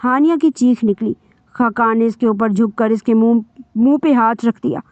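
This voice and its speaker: A woman's voice: fairly high pitch, darkish tone, no room sound. A woman reading a romance novel aloud as narrator, in a dramatic, emotional way, in a dull, dry recording.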